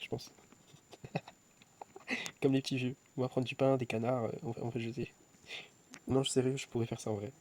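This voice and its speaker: A young man's mid-range voice carries a little hiss or hum in this self-filmed phone vlog, made at home at night. He rambles casually, teases himself and keeps restarting and repeating words.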